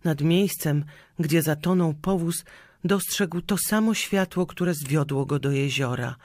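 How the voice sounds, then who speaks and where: A man narrating a local legend in a measured storytelling reading. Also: a little high, vocal fry, darkish tone, dry recording, clean studio sound.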